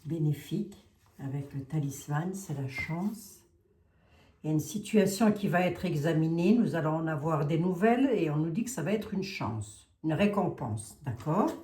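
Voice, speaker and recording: A woman's voice: low voice, expressive, moderate pace, warm tone, echoey room. A woman with a Lorraine accent doing a casual tarot and oracle reading, asking questions aloud and hedging with "hein". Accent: Lorraine French. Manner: chatty, asks questions aloud, hedges with "hein". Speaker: psychic card reader.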